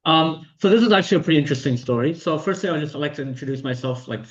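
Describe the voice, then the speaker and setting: A man's voice: on the high side, expressive, racing. A young man in his late teens from Vietnam, chatting at length as an interview guest, with many fillers and restarts. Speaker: guest racing driver. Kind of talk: casual interview answers. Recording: dull, echoey lo-fi room sound.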